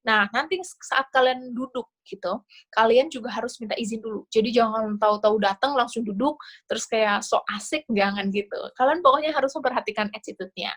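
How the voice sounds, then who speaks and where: A woman with an Indonesian accent talks a class through interview tips on a video call, in a fairly high voice. Her delivery is casual and chatty, loose and full of small fillers. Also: a little fast, fairly bright tone. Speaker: scholarship interview coach. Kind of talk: online class talk.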